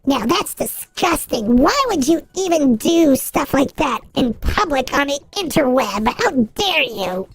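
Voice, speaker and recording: A man putting on a prim, easily offended middle-aged woman who scolds in a shrill, indignant falsetto. Her voice sits very high and sounds a little distant from the mic. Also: sing-song, unhurried, few pauses, heavily acted.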